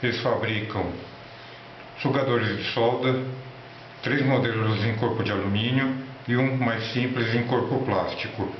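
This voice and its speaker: A man with a Brazilian accent giving an informal electronics tutorial and product rundown in a halting, instructional way. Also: medium pitch. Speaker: electronics hobby presenter. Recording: roomy, echoey, dull lo-fi with faint noise.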